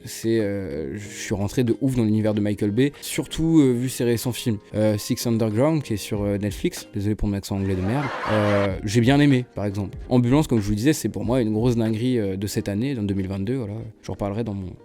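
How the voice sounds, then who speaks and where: A young man hosting a casual film debate, talking quickly and keenly with slang and many fillers. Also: on the low side, dark tone, faint music behind.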